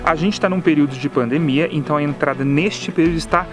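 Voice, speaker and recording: A man's voice: fairly high pitch, fast. A man in his thirties on a travel vlog, talking to a handheld camera outdoors in a cheerful, informative tour-guide manner. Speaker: travel vlogger. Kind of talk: casual travel vlog narration. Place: outdoors in a park. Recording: loud music behind the voice. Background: background music.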